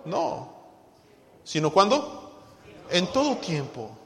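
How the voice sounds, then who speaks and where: A man's voice: fairly high pitch, sing-song, takes it slowly, a bit bright, in a large hall. A man preaching a sermon to a congregation, asking them questions and now and then singing lines of a hymn. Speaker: pastor.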